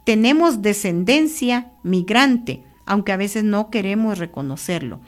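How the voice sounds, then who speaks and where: Speaking from a radio studio booth in a mid-range voice, a woman with a Guatemalan Spanish accent welcomes listeners to her church program. Her reflections on scripture come across as calm, pastoral and unhurried.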